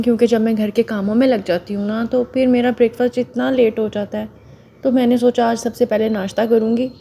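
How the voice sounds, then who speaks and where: A slightly hoarse woman, chatting homely and directly to viewers while narrating her chores. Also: a little high, mellow, a little hiss or hum. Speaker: home vlogger. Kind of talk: casual voice-over narrating chores.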